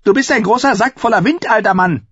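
A man's voice: sits high, fairly quick, husky, no echo, voice pushed up. A man voicing a fierce, hateful wildling warrior woman with a spitting, savage snarl. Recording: slightly dull, dry recording.

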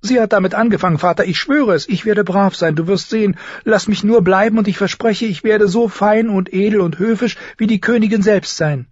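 A man's voice: sits high, brisk, hardly any pauses, breathy edge, no room sound, dull audio, voice pushed up. A man doing whiny, pleading teenage noble girl.

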